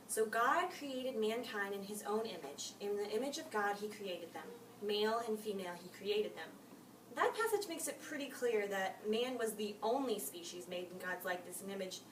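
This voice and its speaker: A young woman as an earnest female youth minister, calm explanations, echoey room, faint noise. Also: medium pitch, distant mic, lightly acted. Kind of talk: amateur class-project role-play.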